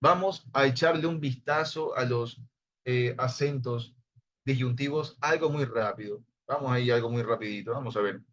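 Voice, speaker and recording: A man's voice: mid-range voice, moderate pace. A man teaching a Hebrew grammar class online, explaining patiently and addressing his listeners as brothers. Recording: slightly dull online class audio.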